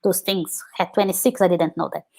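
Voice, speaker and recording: Her voice is lowish, steady, brisk, creaky, and warm: a Brazilian woman in her thirties with a Brazilian Portuguese accent. An activist and scholar, she tells her own story as an interview guest in an earnest, reflective way, filling it with frequent "like"s.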